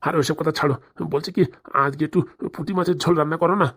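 A woman's voice: low voice, steady tone, racing, husky. A woman voicing a meek, henpecked old village husband in a comic cartoon, placating and backpedaling.

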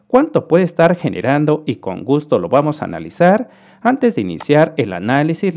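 A man's voice: mid-range voice, darkish tone. A man from Mexico with a Mexican Spanish accent, hosting a screen-recorded commentary and explaining figures to viewers in a friendly way. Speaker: host.

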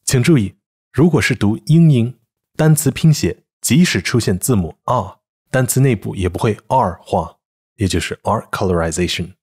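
Middle-aged guy w a teaching english sounds, husky lowish voice, slow careful examples. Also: expressive, darkish tone. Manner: clear, patient demonstration of English words. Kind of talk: scripted pronunciation lesson.

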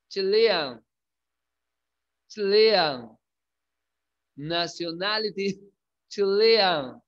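Man, teacher, bright high voice, slow careful drilling, slightly muffled recording. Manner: repeats words slowly to drill pronunciation; coaxing, checks in with frequent questions. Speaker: English teacher. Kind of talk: classroom lesson.

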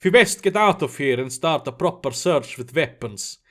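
A man voicing a gruff male dock chief who speaks bluntly and matter-of-factly. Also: fairly high pitch, expressive, normal speed, fairly bright tone. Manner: matter-of-fact, dry.

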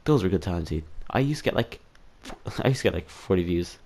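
A man's voice: low-pitched, expressive, brisk, a little mellow. A man hosting a casual year-in-review vlog, rambling, swearing and mocking himself, tagging "dude" onto nearly every sentence. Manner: rambling, profane and self-mocking, keeps saying "dude". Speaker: channel host.

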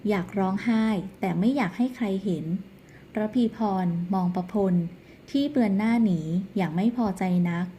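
A woman recounting a soap opera episode in a steady storyteller's voice. Her tone is mellow and warm, at an ordinary middle pitch, well suited to long recaps. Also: normal speed, slight background noise. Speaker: narrator. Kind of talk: drama plot recap narration.

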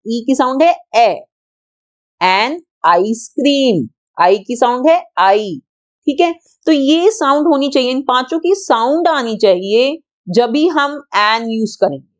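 A woman teacher explains grammar to children at an unhurried pace. Her voice sits a little high, and she repeats key sounds again and again. She poses questions and then answers them herself.

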